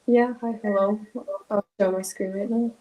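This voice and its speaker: A woman from Russia, presenting her school project over a video call in an earnest way with many pauses. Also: mid-range voice, fairly even intonation, dull audio. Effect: on a video call, sharing her screen.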